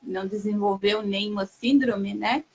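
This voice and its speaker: A woman hosting a casual live chat, talking in a warm, halting way with many restarts and fillers. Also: medium pitch, fairly even intonation, a crowd in the background, rough recording. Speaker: host.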